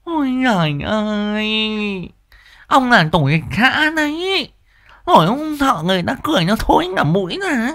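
A man's voice: sits high, big pitch swings, measured pace, fairly bright tone, voice pushed up, full character voice. A man voicing a bossy, nagging middle-aged village wife in a spoken story. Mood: scolding. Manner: scolding, bossy.

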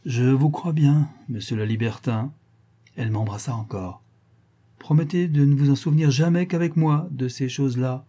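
A man's voice: medium pitch, normal speed, dark tone, husky, pitched above the performer's own voice, close to an everyday voice. A man reading an audiobook and voicing a playful, coquettish aristocratic lady who teases her young lover. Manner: playful, coquettish, lightly mocking. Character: teasing amorous aristocratic lady, older lover.

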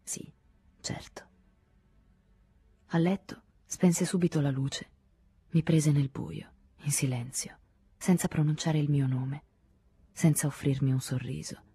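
A woman narrating a literary novel in the first person, measured and intimate. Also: low voice, fairly even intonation, mellow, breathy edge, no echo. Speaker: audiobook narrator.

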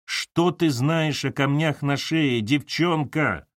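An older mother, stern and commanding, lecturing firmly, as a male narrator puts her on. The pitch moves with animated inflection, recorded dry and close. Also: normal speed, no echo. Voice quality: stern, authoritative.

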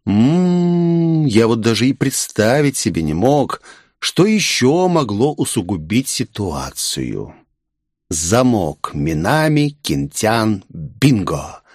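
A man narrating a first-person audiobook in a wry, expressive storytelling manner. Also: medium pitch, slow, no room sound, clean studio sound.

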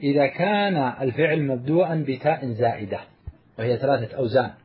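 A man teaching a grammar lesson, explaining each rule step by step and answering his own questions. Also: mid-range voice. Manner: spells out example words slowly. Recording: muffled lo-fi recording.

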